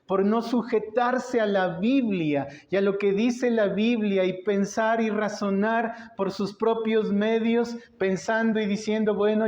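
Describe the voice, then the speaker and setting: A man's voice: high-pitched, a little mellow. A man from Colombia preaching a sermon, emphatic, repeating key phrases and asking rhetorical questions. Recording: echoey room, dull lo-fi sound.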